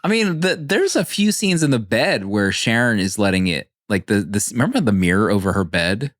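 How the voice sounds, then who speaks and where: A man hosting a casual movie podcast, chatty and quick to laugh, often restarting his sentences. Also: fairly low pitch, very animated, fairly bright tone, shouting. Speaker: podcast host.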